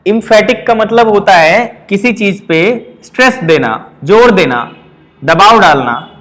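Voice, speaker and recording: Hindi-accented guy teaching grammar, kinda high voice, patient, keeps checking everyone gets it. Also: lively intonation, fairly bright tone. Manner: explains patiently with repeated checks and slow example sentences. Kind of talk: exam-prep grammar lecture.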